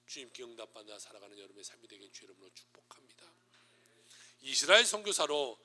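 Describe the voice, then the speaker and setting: A man preaching a sermon in a church, dramatic, swinging between loud exclamations and hushed whispers. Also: medium pitch. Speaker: pastor. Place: church sanctuary.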